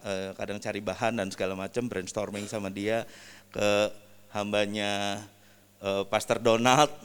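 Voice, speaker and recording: A man's voice: on the low side, clear, resonant tone. Man, pastor, casual testimony, storytelling, echoing worship hall. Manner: animated storyteller, slangy, acts out quotes.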